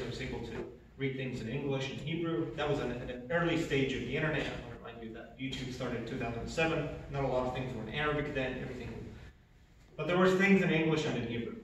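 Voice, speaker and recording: Man, 30s, earnest testimony talk, slight background hum. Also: medium pitch. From Egypt. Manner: earnest, emphatic repetitions. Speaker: speaker. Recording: echoey hall from far off.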